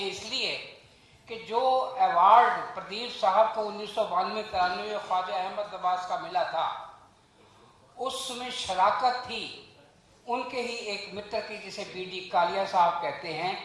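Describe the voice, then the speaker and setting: Man, fairly high voice, measured and earnest speech at a launch event, very echoey hall. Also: a bit bright. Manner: measured, earnest, rhetorical, recites verse. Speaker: guest speaker at a book launch. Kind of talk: formal speech on language and pronunciation.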